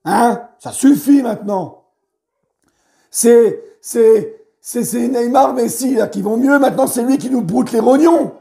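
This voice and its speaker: A man with a hoarse voice giving a heated post-match debrief as a football fan, animated and swearing freely. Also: very high voice, unhurried. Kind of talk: post-match vlog rant.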